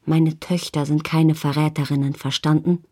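A woman's voice: sits low, flat delivery, normal speed, warm tone, slightly rough. A woman voicing a menacing grieving man. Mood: threatening. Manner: agitated, threatening. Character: bitter grieving middle-aged man, menacing.

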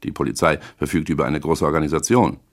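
A man reading an audiobook, voicing a haughty, sharp-tongued rich young woman who is quick to flare up. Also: very deep voice, steady tone. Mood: probing. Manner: cool, mocking, quick to flare up.

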